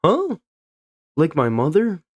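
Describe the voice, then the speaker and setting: A man doing a calm young woman, raised pitch. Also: slow pace, heavily acted. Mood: wistful.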